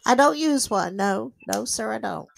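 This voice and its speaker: A woman's voice: fairly high pitch, lively intonation, moderate pace, vocal fry. An older woman with a spry, feisty, folksy old voice, talking on a phone call. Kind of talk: phone conversation.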